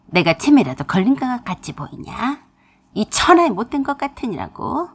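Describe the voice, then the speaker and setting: An angry elderly mother scolds and reproaches, her husky voice rising and falling widely, as a woman puts her on. She is bitter and harsh in a storybook radio tale. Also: lowish voice, voice pushed down, full character voice.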